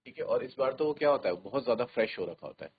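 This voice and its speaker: A male teacher reading a story slowly in English and explaining it to his class in Hindi. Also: mid-range voice, lively intonation, phone-quality sound, slight background noise.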